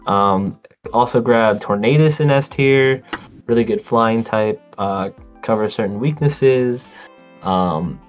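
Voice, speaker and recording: A man co-hosting a casual podcast, talking in a relaxed way with many ums and easy laughs. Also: on the low side, dull audio. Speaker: podcast co-host. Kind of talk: casual chat.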